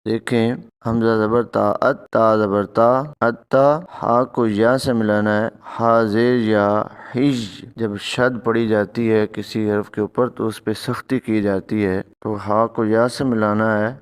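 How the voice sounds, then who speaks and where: A man teaching recitation pronunciation, slowly drawing out each syllable and then explaining the rule in quicker speech. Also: on the low side, fairly even intonation, clear, resonant tone. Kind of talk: tajweed pronunciation lesson.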